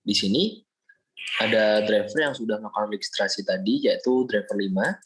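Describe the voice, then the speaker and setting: A young man from Indonesia, a student, explaining a software project step by step in a screen-recorded walkthrough, often pausing with fillers. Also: lowish voice, poor audio. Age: young adult. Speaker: student presenting a project demo.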